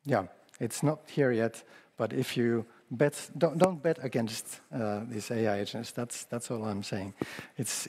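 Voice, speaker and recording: A man's voice: medium pitch, a little mellow, breathy edge. A man giving a casual conference talk, repeating his words and speaking with conviction. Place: event hall. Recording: long hall reverb from a public address system.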